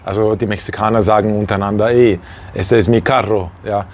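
A man's voice: fairly low pitch, a little fast. Viennese man talking animatedly to camera. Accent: standard High German, no regional accent. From Vienna, Austria. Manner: animated, gestures a lot, many fillers and asides. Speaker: language teacher and channel host. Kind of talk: casual talk to camera. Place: small room indoors.

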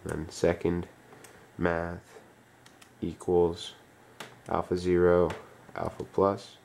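A man giving a step-by-step tutorial, dictating instructions in short, clipped fragments with pauses between them. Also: sits low, completely flat delivery, gravelly, darkish tone, a little hiss or hum. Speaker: tutorial presenter.

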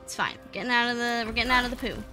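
Talking very fast in a slightly high voice, a woman provides playful, chatty commentary while streaming a game live. Every so often she curses, and she laughs at her own jokes as game music plays behind her.

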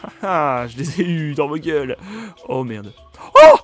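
A young man with a cold, commenting loudly on his own gameplay, swearing and yelping when enemies attack. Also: on the high side, measured pace, faint music behind. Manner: excitable, swears a lot, yelps at enemies. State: has a cold. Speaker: gaming YouTuber.

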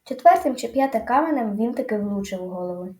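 A woman narrating a children's audiobook with lively, dramatic storytelling. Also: on the high side, quick pace, roomy sound.

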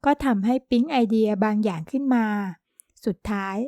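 A woman narrating an audio novel in an even storytelling read. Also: a little high, normal speed, no room sound, clean studio sound. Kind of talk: scripted narration.

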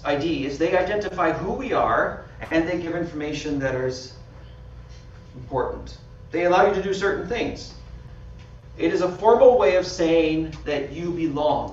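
In a small church hall, a pastor with a Canadian accent and a fairly high voice delivers a chatty sermon alongside slides, frequently laughing at his own expense. The audio is distant, dull and roomy, with a little hiss or hum.

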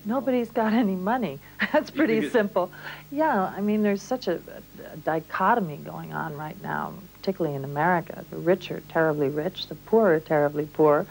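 A woman with a lowish, gravelly voice chatting frankly in an interview. A faint hum sits behind her. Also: moderate pace, a little mellow, poor audio. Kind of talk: casual interview.

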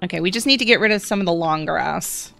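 A young woman giving casual let's play commentary, chatty and prone to excited gasps, talking to the animals in her game. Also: on the low side, fast talker, gravelly, faint music behind.

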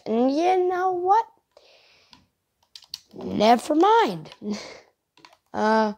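Woman, gaming commentary, tired, rambling, self-mocking, slow delivery, vocal fry. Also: medium pitch, a little mellow. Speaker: gaming channel host. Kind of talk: casual let's-play commentary.

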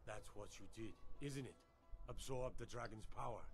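A man's voice: lowish voice, normal speed, soft background music, natural voice. A man playing an awed fantasy town guard.

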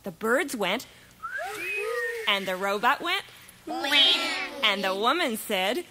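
A woman narrating a rhyming children's story in a lively, expressive, sing-song way. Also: mid-range voice, slow pace, heavy background noise. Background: music.

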